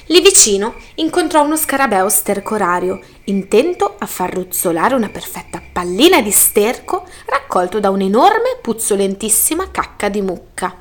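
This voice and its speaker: A woman reading a children's picture book aloud, gentle and lively. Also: medium pitch, moderate pace, hardly any pauses. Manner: gentle, lively read-aloud with voiced characters. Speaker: storyteller.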